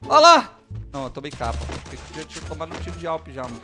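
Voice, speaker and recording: A young man streaming a shooter game in casual chat, excitable and swearing constantly, shouting at big plays. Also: fairly high pitch, racing. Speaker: gaming streamer. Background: game music and gunfire.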